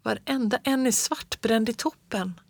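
A storyteller voicing a young boy in a storybook, speaking in a hushed, hesitant way. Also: mid-range voice, vocal fry, no echo, pitched above the performer's own voice. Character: young boy, nervous and curious. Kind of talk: storybook read-aloud.

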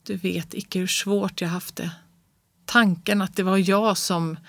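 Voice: medium pitch, level tone, fairly bright tone, no echo. A reader voicing a hesitant, anxious professor. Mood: relieved. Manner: hesitant, halting speech. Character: anxious male professor, middle-aged husband. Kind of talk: audiobook reading of classic prose.

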